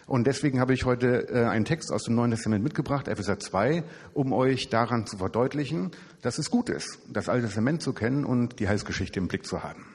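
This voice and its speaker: Casual male evangelist, husky, chatty sermon delivery, handheld mic in a reverberant hall. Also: mid-range voice, animated, brisk, darkish tone. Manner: chatty, informal, self-deprecating humor. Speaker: youth evangelist preacher. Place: church service hall. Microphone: handheld microphone. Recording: hall reverb from a church room.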